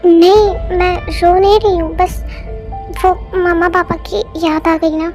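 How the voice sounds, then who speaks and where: A woman's voice: very high voice, steady tone, takes it slowly, darkish tone, soft background music. A woman voicing a hurt young wife. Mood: tearful. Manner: pleading, tearful.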